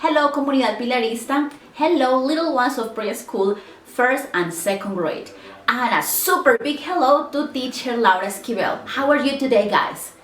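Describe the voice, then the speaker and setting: A woman from Colombia, hosting a craft workshop and giving cheerful, clear instructions to young children. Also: high-pitched, animated, a bit bright, faint music behind. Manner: cheerful, slow and clear, talking to small kids. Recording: echoey room, mic at a distance.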